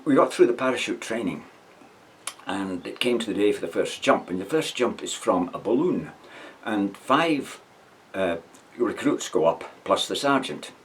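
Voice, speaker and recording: A man's voice: lowish voice, slight background noise. A man in his eighties recalling his army days in a casual, wry, rambling way, chuckling now and then. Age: 80s. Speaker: veteran recounting memories. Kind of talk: casual spoken reminiscence.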